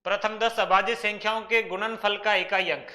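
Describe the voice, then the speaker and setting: A man's voice: high-pitched, fairly even intonation, moderate pace, pushed and bright. A man with a Rajasthani accent teaching an exam-prep maths lesson, working through problems step by step and answering his own questions.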